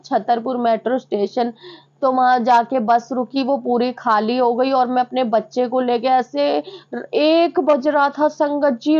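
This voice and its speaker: Young woman telling her devotion story, earnest, high voice, kinda muffled recording. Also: darkish tone. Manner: earnest, often addresses listeners as sangat ji. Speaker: devotee sharing a personal experience. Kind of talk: emotional testimony to a devotional audience. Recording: slightly dull lo-fi sound.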